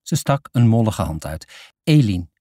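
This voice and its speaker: A man reading a children's novel aloud as narrator, in a steady storytelling manner. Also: mid-range voice, normal speed, no echo, clean studio sound. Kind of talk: scripted audiobook narration.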